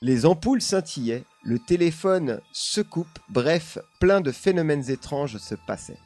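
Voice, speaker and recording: A man's voice: on the high side, animated, a little slow, darkish tone, dry recording, faint music behind. A man streaming live, casually telling a paranormal story while chatting with his viewers, laughing often and leaning on the same filler words.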